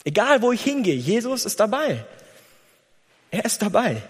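A male preacher with a high, animated voice that rises and falls a great deal. He preaches in a conversational way and acts out short exchanges as he speaks. The sound carries the long reverb of a church hall. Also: moderate pace, slightly rough. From Germany. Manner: lively, conversational preaching with acted-out dialogue. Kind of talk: sermon.

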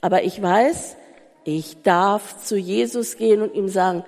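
A woman preaching a sermon, full of rhetorical questions and swinging between urgent pleading and soft calm. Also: mid-range voice, measured pace. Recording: reverberant hall.

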